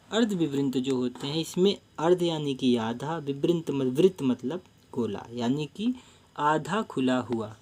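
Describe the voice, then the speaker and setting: Hindi grammar teacher, patient and repetitive. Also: male voice, on the high side, a little mellow. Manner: explains slowly, repeats terms, keeps addressing friends. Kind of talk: exam-prep grammar lesson.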